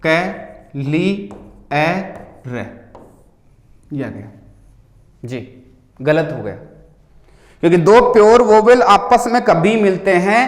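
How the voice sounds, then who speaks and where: A man's voice: high voice, lively intonation, measured pace, long pauses. A man teaching an exam-solution lesson in Hindi with a Rajasthani accent, explaining step by step and answering his own questions. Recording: echoey room.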